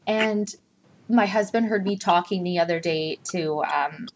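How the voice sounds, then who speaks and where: A woman's voice: fairly low pitch, a little slow, muffled recording. A woman co-hosting a casual live chat, candid and rambling, a little self-deprecating. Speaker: co-host.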